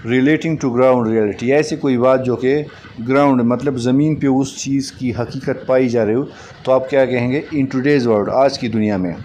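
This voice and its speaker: Man, teacher, explains phrases, slow careful reading, mid pitch, faint background noise. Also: fairly even intonation, dark tone, poor audio. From Pakistan. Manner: slow, deliberate reading of English phrases, then explaining them. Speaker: English teacher. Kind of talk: lesson, explaining English phrases in Urdu.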